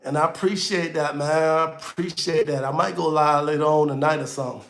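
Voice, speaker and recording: A man's voice: on the high side, steady tone, brisk, a bit bright, reverberant. A man hosting a casual livestream, talking loosely and slangy straight to his viewers, with auto-tune on his voice. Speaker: livestream host.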